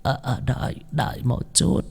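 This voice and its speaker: A man voicing a hunched, wrinkled old woman who talks haltingly and quaveringly, with drawn-out filler sounds. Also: a little mellow, close to an everyday voice. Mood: faltering. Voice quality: quavering and breathy.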